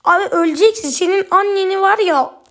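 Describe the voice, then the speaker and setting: A woman with a high, light voice narrates her gameplay in a casual commentary. She flares up and swears at opponents easily, then turns to chat directly with her viewers. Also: a bit bright. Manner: quick to anger, swears at opponents; chatty, addresses viewers directly. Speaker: gaming YouTuber.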